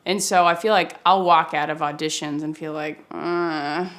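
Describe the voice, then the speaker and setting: A woman, an actor, talking casually and reflectively in an interview, halting as she searches for words in fragments. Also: deep voice, steady tone, a bit bright.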